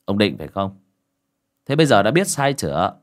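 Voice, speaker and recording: A composed young exorcist, as a male narrator voices him, low-pitched but lively in his intonation. He stays calm while scolding bluntly, in a ghost-story audiobook. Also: brisk. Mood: stern. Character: calm stern young male spirit master.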